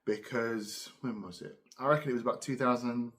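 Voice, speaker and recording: A middle-aged man with a southern English accent, chatting casually and unhurriedly to camera, musing with pauses between puffs on a pipe. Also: medium pitch, fairly even intonation, fairly bright tone. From Cambridge, England. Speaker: pipe-smoking video host. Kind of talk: casual rambling solo chat.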